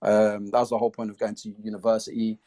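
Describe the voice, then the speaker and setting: A man's voice: lowish voice, little pitch movement, quick pace, mellow. A man talking casually in an interview, explaining the project he founded. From came to the UK as a child refugee.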